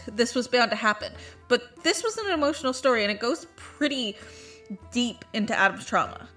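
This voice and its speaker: An actress playing a blunt, teasing medical student talking with friends. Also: female voice, a little high, fairly bright tone, natural voice. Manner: blunt, teasing, matter-of-fact.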